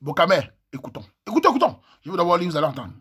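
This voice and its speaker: A man's voice: a little high, racing, sharp tone, slightly rough. A man with a Cameroonian French accent, reading messages aloud and joking with his viewers as a vlogger. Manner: joking, chatty, talks to viewers as little brother.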